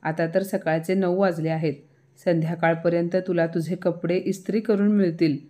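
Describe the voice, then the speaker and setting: A woman's voice: on the low side, steady tone, normal speed, mellow, close to an everyday voice. A woman voicing a proud older mother-in-law who scolds sharply in a family story. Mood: scolding.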